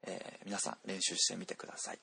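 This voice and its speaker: Gravelly-voiced man teaching pronunciation. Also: low-pitched, no echo. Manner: relaxed, many drawn-out fillers, demonstrates sounds slowly. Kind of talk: explanatory lesson, casual spoken.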